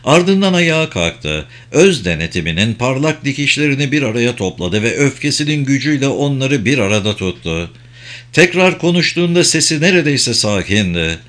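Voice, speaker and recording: A man reading a story aloud as an audiobook, in measured, dramatic scripted narration. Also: mid-range voice, very animated, a bit bright.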